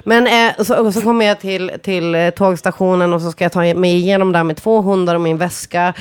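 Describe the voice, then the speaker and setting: A woman telling a funny personal story in casual talk. She swears freely, laughs often and acts out what people said with big jumps in pitch. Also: fairly even intonation, clear, resonant tone.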